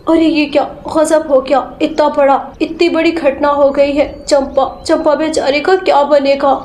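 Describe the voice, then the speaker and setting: A woman doing a hurried pigeon neighbour. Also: high-pitched, flat delivery, a little mellow. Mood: urgent. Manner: hurried, earnest. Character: urgent male pigeon neighbour, kindly. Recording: roomy echo.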